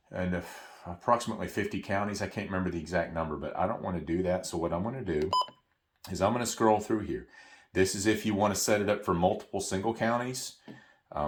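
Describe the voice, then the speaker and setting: In a deep voice, a man gives an unscripted step-by-step product walkthrough. He explains things hesitantly and corrects himself as he goes.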